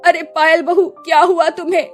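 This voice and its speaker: A woman voicing a kind, motherly middle-aged mother-in-law in a cartoon story, speaking firmly and loudly. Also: very high voice, level tone, normal speed, faint music behind. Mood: reassuring.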